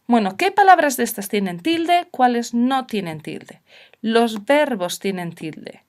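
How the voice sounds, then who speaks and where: A woman teaching a recorded grammar lesson, explaining patiently and giving example sentences. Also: mid-range voice. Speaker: Spanish teacher.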